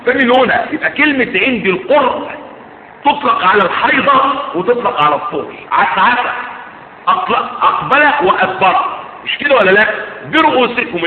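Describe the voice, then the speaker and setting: A man with a high voice and an Egyptian accent teaches a religious class, tossing quick questions back to his students. The sound is thin and phone-like. It rings around a big echoey hall with a faint hum underneath. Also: creaky. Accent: Egyptian Arabic. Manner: keeps quizzing listeners with quick check questions. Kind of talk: classroom lecture.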